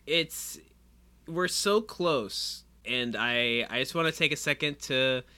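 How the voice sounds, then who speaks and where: A man's voice: mid-range voice, takes it slowly, bright, forceful tone. A man co-hosting a podcast in casual, jokey chat, with a playful, profane manner. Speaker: podcast co-host.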